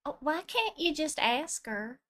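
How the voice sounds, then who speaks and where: A woman's voice: sits high, very animated, unhurried, fairly bright tone. A woman playing a tabletop game, chatting casually in character.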